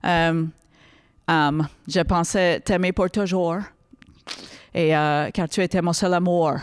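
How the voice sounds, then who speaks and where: A woman reading a sad love poem aloud in a put-on English accent, slow and halting. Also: lowish voice, steady tone, clean tone, dry recording, clean studio sound. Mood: mock-tragic.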